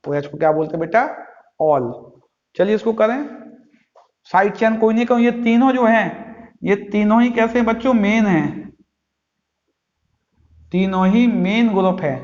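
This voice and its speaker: A man's voice: high-pitched, darkish tone. A male chemistry teacher giving a classroom lecture, asking his students questions and answering them himself in a patient, drilling way. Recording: echoey, dull lo-fi recording.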